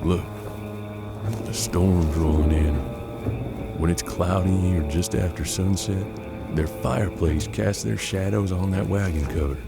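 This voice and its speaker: A low, steady, creaky voice with a measured pace belongs to an American man playing a seasoned, unflappable Old West bounty hunter who mentors his apprentice in a western audio drama. He speaks in a folksy, laconic drawl, calm and calculating, over loud music.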